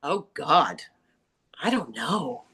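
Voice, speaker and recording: A middle-aged woman with a raspy, grating, nasal voice, talking bluntly and candidly as an interview guest, acting out what people said. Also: low voice, very slow. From New York area. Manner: blunt, animated storyteller who acts out quotes. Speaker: interview guest, salon owner and author.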